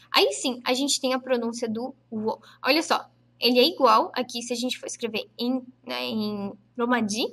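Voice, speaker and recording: A woman gives a relaxed online language lesson. Her voice sits a little high, and she takes her time, repeating each word slowly and patiently for her learners. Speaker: Japanese teacher.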